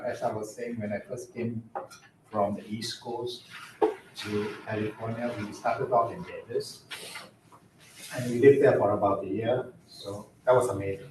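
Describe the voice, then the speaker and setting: A man's voice: medium pitch, noisy background. A man from Malaysia introduces himself to a public board in an easy, chatty way, with touches of self-deprecating humor. His voice carries a heavy echo, and the mic sits well away from him. Faint room ambience hangs underneath. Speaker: county medical director of behavioral health. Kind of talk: informal introductory remarks at a public board meeting. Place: county board meeting room. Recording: echoey meeting room, mic at a distance.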